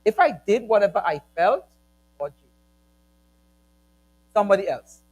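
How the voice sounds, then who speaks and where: A middle-aged man, a pastor, speaking emphatically and telling animated stories during a church panel discussion. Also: high-pitched, unhurried, rough recording. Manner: energetic, emphatic, animated storytelling.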